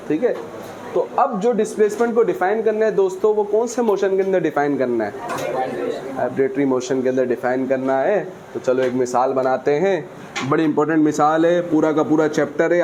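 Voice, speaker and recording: Question-and-answer physics teacher. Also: male voice, sits high, a little mellow, a little hiss or hum. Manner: asks students questions and answers them himself. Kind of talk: classroom lecture.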